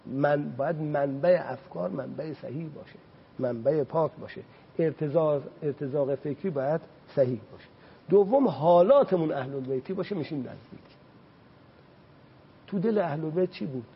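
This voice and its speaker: A man speaking as a religious guest on a talk show, preaching with passion and slowly reciting Arabic quotations. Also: fairly high pitch, vocal fry, husky, muffled recording. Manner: impassioned, rises sharply on points.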